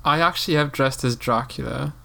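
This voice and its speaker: A man's voice: medium pitch, brisk, creaky, sharp tone. Man w/ eastern european accent just chatting, laughs a lot, keeps restarting his sentences. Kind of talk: casual chat.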